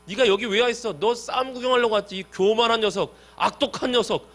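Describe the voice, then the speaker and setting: A man's voice: sits high, quick pace, a bit bright, faint music behind, voice pushed up. A man voicing a scornful big brother who mockingly scolds his youngest sibling.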